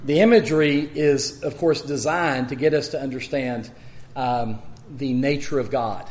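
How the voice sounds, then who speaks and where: A man with a West Texas accent teaching the Bible in an expository style, measured and emphatic. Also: medium pitch, darkish tone.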